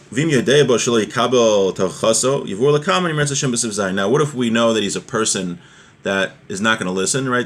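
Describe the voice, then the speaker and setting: A religious teacher gives an informal lesson, reading and explaining as he goes while putting rhetorical questions to the listener. His voice is on the low side and a bit bright.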